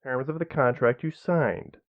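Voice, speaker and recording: A man's voice: medium pitch, unhurried, narrow, tinny audio, voice pushed up, lightly acted. A man voicing a cool, condescending male corporate representative.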